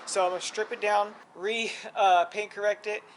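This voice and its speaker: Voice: medium pitch, fairly even intonation, moderate pace, a little hiss or hum. Breathless, rambling car vlogger outdoors. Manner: rambling, loose, many fillers. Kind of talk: casual vlog talk. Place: outdoors by a car, prepping a pressure washer.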